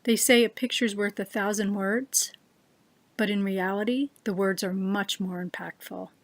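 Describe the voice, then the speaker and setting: A woman giving an earnest personal talk to a webcam, slowing down to stress her key words. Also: medium pitch, fairly even intonation, no echo. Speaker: speaker giving a short talk. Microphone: webcam on a computer.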